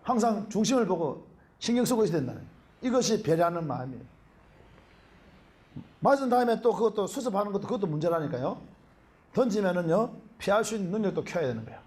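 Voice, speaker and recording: A middle-aged Korean pastor, preaching a sermon in an animated way and often calling out hallelujah. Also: male voice, high voice, quick pace, pauses often.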